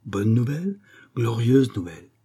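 A man's voice: medium pitch, very animated, moderate pace, warm tone, husky. A man reading an audiobook, voicing an eager young peasant patriot who talks with breathless insistence. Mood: excited.

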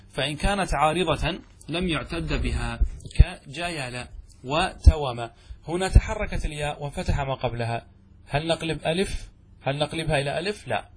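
A man's voice: fairly high pitch, breathy edge. A middle-aged man teaching classical grammar, explaining step by step and answering his own questions. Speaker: sheikh teaching Arabic grammar.

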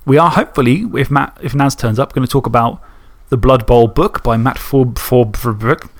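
A man's voice: medium pitch, normal speed. A man co-hosting a podcast in casual, rambling, self-mocking chat. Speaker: podcast co-host.

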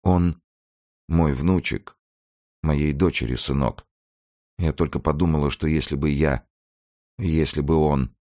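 A man voicing an elderly grandmother who pleads in a creaky, flat and dull voice. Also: a bass voice, measured pace, pauses often. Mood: flat pleading.

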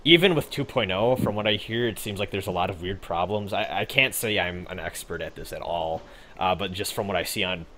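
A man's voice: low voice, brisk, fairly bright tone, slight background noise. A young man co-hosting a gaming podcast, chatting casually in a rambling, laid-back way with frequent swearing and fillers. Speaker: podcast co-host.

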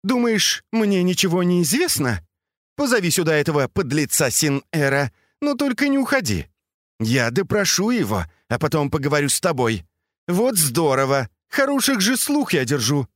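A man reading aloud, voicing an imperious, sharp-tongued noblewoman who scolds and commands her servants. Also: deep voice, very animated, moderate pace, no room sound, clean studio sound, pitched above the performer's own voice. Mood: angry.

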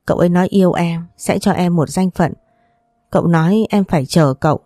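A woman's voice: lowish voice, brisk, mellow, no room sound, soft background music, close to an everyday voice. Woman voicing a young servant girl, stammering, pleading, dry close sound.

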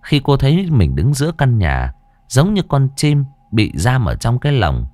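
A man's voice: mid-range voice, moderate pace, dry recording. Man narrating a ghost story dramatically. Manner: lively, dramatic delivery.

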